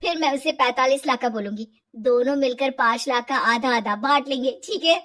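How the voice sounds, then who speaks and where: A woman voicing a scheming, deceitful young woman in an animated story, sweet-talking her friend. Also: high voice, moderate pace. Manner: sweet-talking, fake crying when caught.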